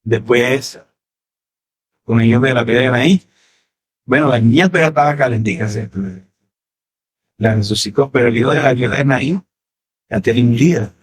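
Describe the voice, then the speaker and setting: A Colombian man preaching from the pulpit, his voice sitting at an ordinary middle pitch. He delivers his sermon with big dramatic swings, jumping high and loud for emphasis and then dropping low. He keeps pulling the congregation in with quick rhetorical questions. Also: slightly rough. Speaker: pastor. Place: church.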